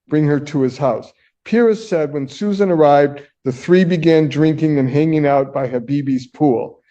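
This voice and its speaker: A man's voice: on the high side, dark tone, highs cut off. A man working as defense attorney, arguing formally before the judge and reading from case documents, heard through a courtroom recording. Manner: formal, measured, addresses the judge. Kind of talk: courtroom argument.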